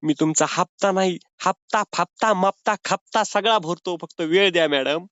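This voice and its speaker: A man's voice: high-pitched, moderate pace, fairly bright tone, clean tone, no echo. A man making a comic prank phone call, pleading and whining in a mock-sobbing way. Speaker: prank caller.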